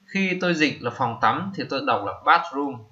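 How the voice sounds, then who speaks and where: A man, teaching vocabulary slowly, repeating each term and pausing with many fillers. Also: medium pitch, expressive, sharp tone, dull audio. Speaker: English teacher. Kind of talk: screen-recorded lesson.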